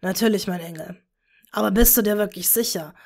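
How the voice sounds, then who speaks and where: Woman reading as a calm dark wizard dad, soft and measured, a touch lower. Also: close to an everyday voice. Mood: gentle.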